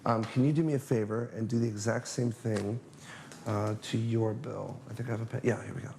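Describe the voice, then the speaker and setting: A man's voice: fairly low pitch, fairly even intonation, brisk, creaky, a little mellow, slight background noise. A man casually teaching a magic trick while demonstrating it on a spectator, chatty and upbeat, acting out his patter as he goes.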